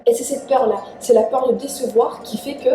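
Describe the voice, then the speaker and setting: Speaking fairly fast in a high-leaning but dark-toned voice, this Iranian-born young woman gives sincere, talkative relationship tips on a laid-back vlog, peppering her speech with "en fait." There's slight noise, echo from the room, a far-off mic, and soft music underneath.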